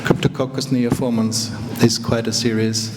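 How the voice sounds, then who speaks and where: A man's voice: medium pitch, level tone, normal speed. A middle-aged man from Austria, a native German speaker with an Austrian accent, giving a university guest lecture, explaining carefully with fillers and restarts. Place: lecture hall. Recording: lecture hall reverb, background noise.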